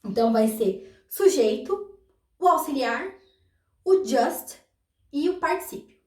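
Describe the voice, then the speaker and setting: A woman teaching English grammar, who reads each example sentence slowly and twice and then explains it. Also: sits high, animated, darkish tone, distant mic. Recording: roomy sound from off the mic.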